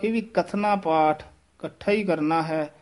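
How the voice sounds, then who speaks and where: A man teaching the correct pronunciation of recited verse, repeating each phrase slowly and carefully. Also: on the high side. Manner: slow, careful, repeats each line syllable by syllable.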